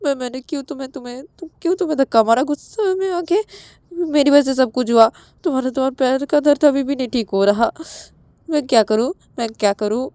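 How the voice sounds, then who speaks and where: A woman's voice: high-pitched, fairly quick, dark tone, no room sound, pitched above the performer's own voice, natural voice. A woman voicing a worried, hot-tempered young woman who stammers and repeats her words in agitation. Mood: agitated.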